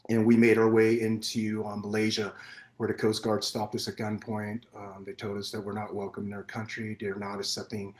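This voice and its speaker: A middle-aged man born in Vietnam, guest on a podcast, telling his life story in an earnest, measured way with many fillers and restarts. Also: lowish voice, completely flat delivery. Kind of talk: personal storytelling in interview. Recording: roomy echo.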